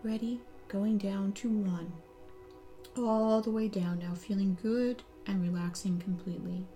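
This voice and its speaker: Soothing woman guiding deep relaxation. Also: steady tone, faint music behind. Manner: slow, soothing, repetitive, with soft near-whispered phrases. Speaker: hypnotherapist. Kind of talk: guided hypnosis relaxation script.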